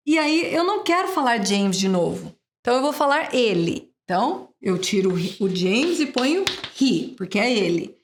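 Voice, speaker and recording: High-voiced woman teaching slowly. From Brazil. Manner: slow, patient, repeats sounds many times. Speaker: English teacher. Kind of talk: video English lesson.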